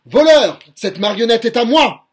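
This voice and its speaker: A man voicing a greedy, bullying puppet showman in a children's story reading, with loud roaring threats. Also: sits high, expressive, unhurried, pitched above the performer's own voice.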